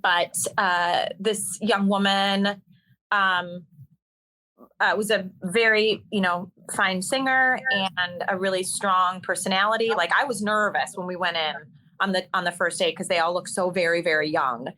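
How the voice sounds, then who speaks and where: A woman who is a stage actor and singer chats casually as an interview guest, telling stories conversationally with plenty of ums, fillers, and restarts. Her medium-pitched voice is steady, measured, pushed and bright, captured in a rough recording.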